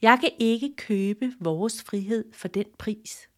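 Storybook deer king, male, noble, calm, earnest, read by a woman. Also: a little high, lightly acted. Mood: solemn. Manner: solemn, steady and earnest.

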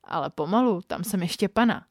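A woman's voice: lowish voice, animated, darkish tone, dry recording, studio quality. A woman reading as a bold, teasing woman.

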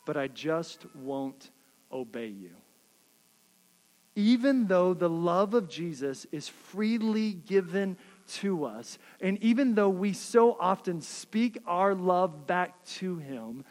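A man preaching a sermon, earnest and dynamic, dropping to a hush and then rising again. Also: high voice. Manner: earnest, dynamic, drops to quiet then rises. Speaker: pastor. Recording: reverberant hall.

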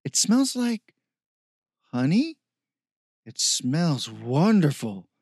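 A man voicing Steve, an excitable, smug teenage boy who talks in a sing-song voice in a storybook reading. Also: fairly high pitch, very slow, breathy edge, no echo, clean studio sound, exaggerated voice. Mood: excited.

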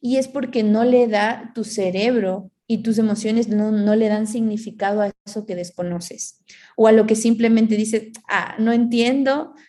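Mellow-voiced woman explaining with analogies. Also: medium pitch, fairly even intonation, moderate pace. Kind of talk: casual reflective chat.

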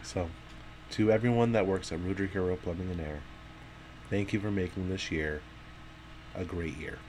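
A man hosting a company podcast in a playful, deadpan, joking chat. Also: low voice, normal speed, slight background noise, low-quality recording. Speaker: podcast host.

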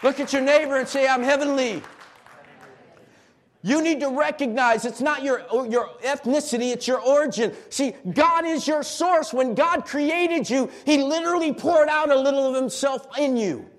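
A pastor preaching a sermon in a church and calling on the congregation to answer back. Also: male voice, extremely high pitch, normal speed. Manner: call-and-response preaching, rising to shouts. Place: church sanctuary.

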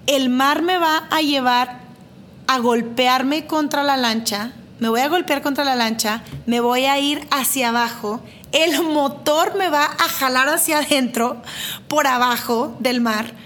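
A woman tells a personal story to camera in a high, bright-pitched voice. She retells it dramatically, repeating phrases and poking fun at herself. A faint ambient hum sits underneath. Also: a little slow. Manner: lively, dramatic retelling with self-deprecating laughs. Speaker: mother telling a personal story.

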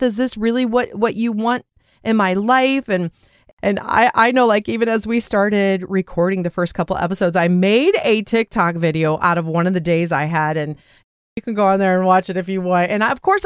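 A woman's voice: mid-range voice, clear, resonant tone, no room sound. Earnest rambling woman podcaster, dry close sound. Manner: earnest, rambling, repeats words when stressed. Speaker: podcast host. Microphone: home recording mic.

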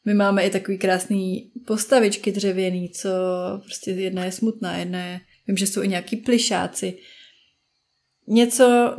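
A woman in her thirties who hosts a parenting podcast talks casually on her own in a mid-range, slightly mellow voice. She is chatty and slips into quick asides where she acts out friends and children.

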